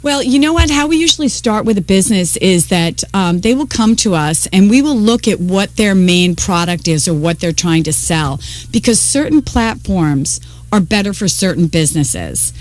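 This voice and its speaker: A woman's voice: mid-range voice, expressive, moderate pace. A woman speaking as an expert guest in a radio interview, explaining things conversationally. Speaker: social media consultant, interview guest.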